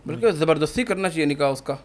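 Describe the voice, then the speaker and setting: A man's voice: fairly high pitch, animated, crowd noise. A man, a religious scholar on a panel, explaining teachings with Arabic quotations and teasing humor.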